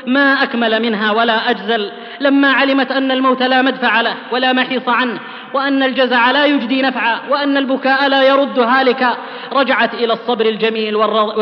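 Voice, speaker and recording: A man delivers a sermon in a rapid, fervent voice that sits high for a man. He sinks low and soft on the solemn phrases. The sound is dull and carries a long hall reverb. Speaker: preacher. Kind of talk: sermon with storytelling.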